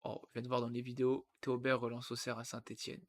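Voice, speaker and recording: A man's voice: medium pitch, completely flat delivery, fast. A man from the Yonne region of France, older than twenty-five, hosting a casual football livestream. He makes jokey asides and breaks off his own sentences as he reads aloud. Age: over 25. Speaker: football streamer.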